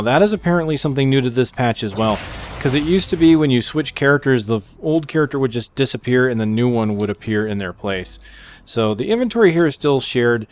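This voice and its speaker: Over background video game music, a medium-pitched man narrates a gaming video with casual walkthrough commentary. There's slight background noise, and his mic sounds a bit dull.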